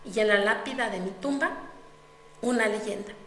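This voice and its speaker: A woman's voice: medium pitch, normal speed, a bit bright. A woman narrating a dramatic story in the first person, her delivery anguished and intense. Her voice rings out in a roomy space with a long, trailing reverb. A faint ambient hum runs underneath.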